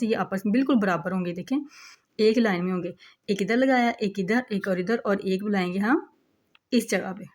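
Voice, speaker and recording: A woman gives a patient teaching demonstration. She walks through each step of writing a letter slowly, keeping her voice at a moderate, everyday pitch. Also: a little mellow. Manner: patient, repeats "look" while showing each step.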